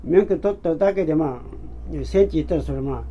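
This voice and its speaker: Mellow, halting elderly Hiroshima man. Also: a little high, muffled recording, a little hiss or hum. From Hiroshima, Japan. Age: over 80. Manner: halting, repeats words and restarts often. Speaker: interviewee, war-era survivor. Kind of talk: oral history recollection.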